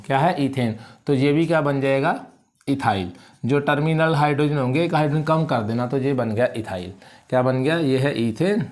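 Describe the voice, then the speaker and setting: A man's voice: mid-range voice, darkish tone. A male chemistry teacher with a Punjabi accent, lecturing at a board and drilling each point by asking a question and then answering it himself.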